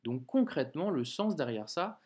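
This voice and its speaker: A man teaching how to read Arabic letters, talking the viewer through examples patiently and sounding out each syllable slowly. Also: fairly high pitch, sing-song, darkish tone. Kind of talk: slow step-by-step lesson.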